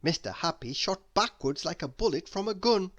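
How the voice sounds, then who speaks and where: Reading a children's story aloud, this storybook narrator is a woman with a lowish voice who tells the tale expressively at a moderate pace.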